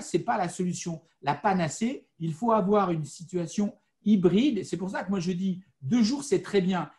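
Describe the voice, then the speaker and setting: A man from the Vosges speaking on a panel, explaining his view in a measured way with frequent fillers. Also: high-pitched, warm tone. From France, Vosges. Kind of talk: panel discussion.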